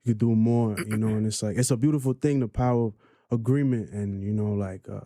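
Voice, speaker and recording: Male guest from Trinidad, quick reflective talker, warm dark tone. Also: lowish voice, fairly even intonation, no room sound, studio quality. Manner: quick, reflective, many fillers and slang. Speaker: guest, music group member. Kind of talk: casual podcast conversation.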